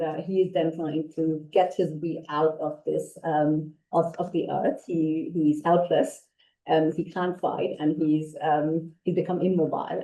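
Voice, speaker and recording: Woman telling a myth on a video call, lowish warm voice, thoughtful, kinda hesitant. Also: poor audio. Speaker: conference presenter and storyteller. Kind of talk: retelling a myth in a conference talk.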